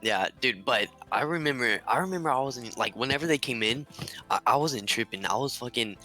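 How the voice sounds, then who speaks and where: A young man in casual podcast chat, chiming in excitedly and swearing as he backs up a friend's story. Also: mid-range voice, a little fast, soft background music. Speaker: podcast co-host.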